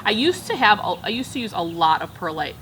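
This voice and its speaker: Outdoors on a backyard patio, a plant vlogger in her 30s talks casually and upbeat while repotting plants, captured by a camera across the table. Her mid-range voice is sing-song, fairly quick and fairly bright, over slight background noise.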